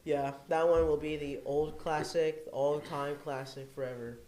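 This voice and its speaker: A man co-hosting a casual podcast, relaxed and agreeable. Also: on the high side, moderate pace, slight background noise. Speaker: podcast co-host. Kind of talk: casual wrestling chat. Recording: echoey room.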